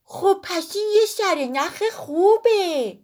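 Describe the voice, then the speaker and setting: A woman's voice: extremely high pitch, lively intonation, darkish tone, pitched above the performer's own voice. A woman doing a curious, surprised little kid. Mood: puzzled. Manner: questioning, surprised.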